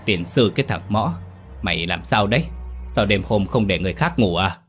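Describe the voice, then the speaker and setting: A man voicing a gruff older village neighbor who scolds and mocks. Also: lowish voice, expressive, normal speed, fairly bright tone, faint music behind. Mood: gruff scolding. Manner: brusque, scolding.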